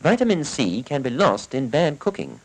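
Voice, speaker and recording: A British man with a fairly high, sing-song voice narrates a public information film at normal speed. The delivery is formal, scripted, and instructive, like a 1940s educational film, on a vintage soundtrack with poor audio.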